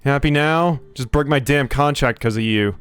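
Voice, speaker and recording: A man's voice: medium pitch, normal speed, a bit bright, smooth, pitched above the performer's own voice, close to an everyday voice. A man voicing a snarky, foul-mouthed teenage girl assassin who sneers and swears. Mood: defiant.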